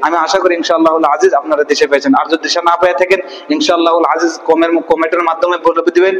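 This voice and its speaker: A man teaching Quran reading online, spelling syllables slowly and answering his own questions. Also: fairly high pitch, little pitch movement, fairly bright tone, reverberant, big-room sound, low-quality recording. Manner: stretches out recited words in a slow chant.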